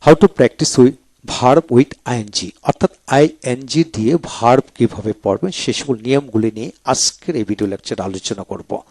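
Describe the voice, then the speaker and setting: A man teaching English pronunciation in a video lecture, slowly saying each word and repeating it twice. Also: mid-range voice, a little mellow, no room sound.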